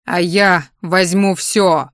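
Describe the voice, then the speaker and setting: A woman voicing a cold, menacing male sea spirit with a low, hoarse, hushed voice. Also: moderate pace, no echo, studio quality, lightly acted.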